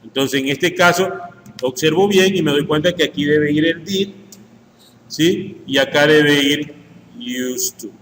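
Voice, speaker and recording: A man's voice: on the high side, measured pace, a bit bright. A man with an Ecuadorian Spanish accent teaching an English grammar lesson, working through each example step by step and checking in with "¿sí?" after nearly every sentence. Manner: explains step by step, tags sentences with "¿sí?". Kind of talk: screen-share grammar lesson. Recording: echoey room with faint background noise.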